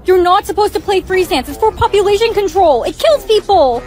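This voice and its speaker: High-voiced woman acting a dramatic skit. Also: animated, a little fast, a little mellow. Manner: dramatic, exaggerated delivery. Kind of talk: acted comedy skit.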